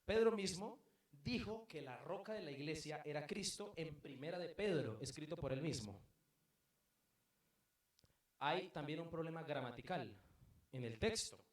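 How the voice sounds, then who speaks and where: A Colombian man preaching a sermon as pastor, emphatic, asking rhetorical questions and swinging between loud and soft. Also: fairly high pitch. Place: church hall. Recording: very echoey room, mic at a distance.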